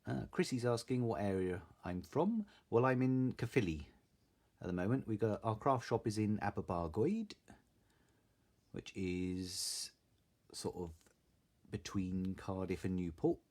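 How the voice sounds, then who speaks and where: Man, very lively, swooping intonation. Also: on the low side, unhurried. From Salisbury, southern England. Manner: chatty, informal. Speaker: craft live stream host. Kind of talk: casual live stream chat, greeting viewers.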